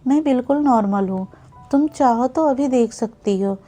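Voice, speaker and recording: A woman voicing a young husband in a spoken storybook, talking plainly and reassuringly, without a deep man's voice. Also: moderate pace, warm tone, soft background music, natural voice. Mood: exasperated. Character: young husband, patient then frustrated.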